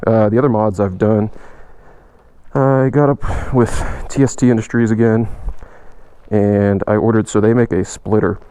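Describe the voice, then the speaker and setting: A man's voice: fairly low pitch, normal speed, clean tone, dry recording. A man talking casually and rambling as he vlogs about his motorcycle, much of it while riding on country roads. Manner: relaxed, rambling, with filler words. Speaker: motorcycle vlogger. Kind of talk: casual vlog. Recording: noisy outdoor road recording.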